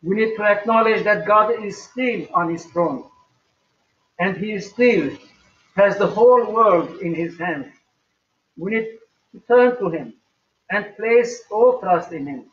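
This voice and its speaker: An older man preaching a recorded sermon at home in a slow, measured way with emphatic rises. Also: sits high, fairly bright tone. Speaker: pastor. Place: small home room, indoors. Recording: echoey, distant, dull webcam audio.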